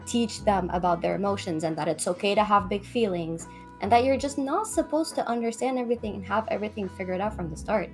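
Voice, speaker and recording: Her voice mid-range and fast, a young Lebanese psychology PhD student speaks as a guest in a conversation, thoughtful and sincere. Music plays in the background.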